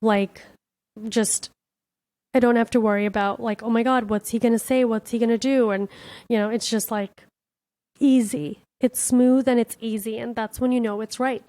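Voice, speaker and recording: A woman's voice: a little high, steady tone, normal speed, a little mellow, dry recording. A woman comedian hosting her own podcast, talking candidly and from the heart in a casual reflective monologue, full of "like" and "you know". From born in India, raised in Miami.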